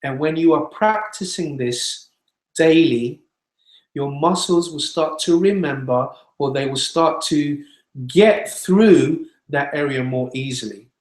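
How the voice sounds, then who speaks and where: A man's voice: on the high side, slow. A man teaching singing in an online webinar, explaining patiently and demonstrating scales. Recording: echoey room.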